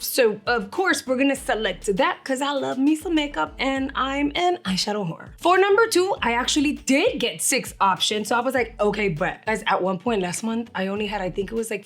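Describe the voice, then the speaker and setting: A chatty young woman with a slightly high voice reviews beauty products in a casual home vlog. She sounds a little under the weather and drops Spanish words between her English. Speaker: beauty vlogger.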